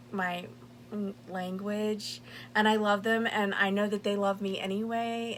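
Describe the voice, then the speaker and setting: Woman co-host in relaxed chat, candid and chatty, mid-pitched plain voice. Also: slight background noise. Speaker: podcast co-host. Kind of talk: casual chat.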